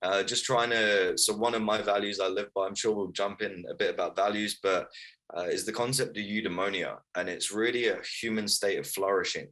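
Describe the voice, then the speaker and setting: A man's voice: lowish voice, brisk, fairly bright tone, rough recording. A man of thirty, telling his life story earnestly as an author guest in a casual interview. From Wales, raised in London. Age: 30s.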